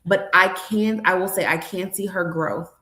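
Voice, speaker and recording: A woman's voice: on the low side, normal speed, sharp tone. A woman in her thirties, a nurse educator and mother, speaking candidly as an interview guest and telling stories with quoted dialogue. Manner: candid, storytelling, acts out dialogue with her daughter. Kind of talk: conversational interview. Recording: echoey room.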